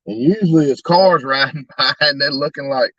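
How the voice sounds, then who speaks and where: A man's voice: medium pitch, fairly quick, fairly bright tone, no room sound, highs cut off. A man who runs a truck tire shop, talking in a casual, upbeat, rambling and earnest way. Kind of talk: casual chat.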